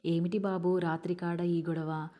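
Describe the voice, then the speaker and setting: A woman reading as a gruff, evasive tea-stall keeper. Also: on the low side, flat delivery, measured pace, mellow, natural voice. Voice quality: thick rough voice. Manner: evasive, brushing questions off. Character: gruff rough-voiced male tea-stall keeper, defensive.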